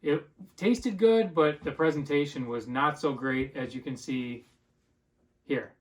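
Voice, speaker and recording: A man co-hosting a casual pizza podcast, giving relaxed, easygoing remarks. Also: a little high, unhurried. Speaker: podcast co-host.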